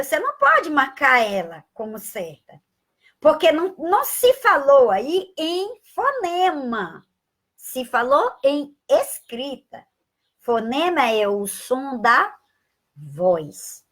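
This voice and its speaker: A Brazilian woman teaching a live-streamed Portuguese lesson, spelling sounds out slowly and greeting viewers by name with affectionate asides. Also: high voice, pushed and bright. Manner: slow, drawn-out spelling of sounds and letters.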